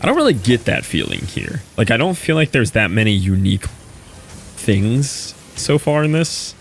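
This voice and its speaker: A man's voice: medium pitch, huge pitch swings, normal speed, creaky, slight background noise. A young man streaming a game, talking casually in a rambling, laid-back way with lots of fillers. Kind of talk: casual live-stream commentary while playing.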